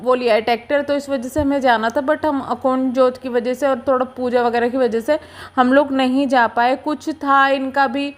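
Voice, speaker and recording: A young woman with a high, light voice narrates her everyday home vlog. She talks in a relaxed, confiding way, as if chatting with a close friend. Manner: chatty, confiding and unhurried, talking to viewers like a friend. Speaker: vlogger.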